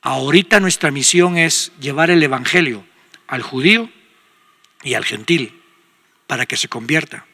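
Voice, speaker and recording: An older man with a Guatemalan Spanish accent speaks as a radio pastor, pitched a little high with a bright, forceful tone. His counsel is conversational but emphatic. A long reverb trails behind his voice. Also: expressive, moderate pace, creaky, long pauses. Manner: conversational, emphatic, acts out quoted speech.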